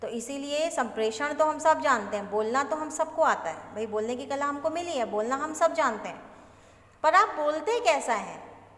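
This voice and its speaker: A woman's voice: sits high, expressive, normal speed, fairly bright tone. A woman teaching a business communication lecture, explaining with rhetorical questions and acted-out examples. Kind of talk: classroom lecture. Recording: echoey room with long reverb.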